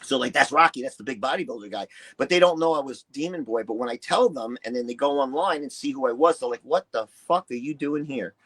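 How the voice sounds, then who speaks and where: His mid-range voice has lively intonation and a bit of brightness, moving a little fast with few pauses. The man, a retired musician and bodybuilder in his early 60s from New York City, is an interview guest recounting personal stories with blunt, emphatic profanity, acting out others' words.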